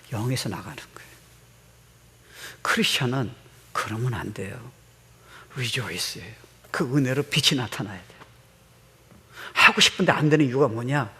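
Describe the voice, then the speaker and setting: A man's voice: on the high side, fairly bright tone, breathy edge. A middle-aged male pastor preaching a sermon, telling stories animatedly and mixing in English words. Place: church sanctuary. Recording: long hall reverb.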